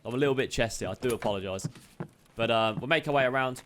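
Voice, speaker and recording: A game streamer, slightly chesty and coughing occasionally, gives a casual loot walkthrough. His medium-pitched voice is a bit bright, and the recording carries a little hiss or hum. He stays chatty and upbeat, with quick asides to viewers.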